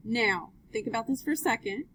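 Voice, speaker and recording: A woman's voice: a little high, brisk, a bit bright, slightly rough, poor audio. A woman teaching a math class, upbeat, asking students question after question as she works through graphs. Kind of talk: live classroom lesson.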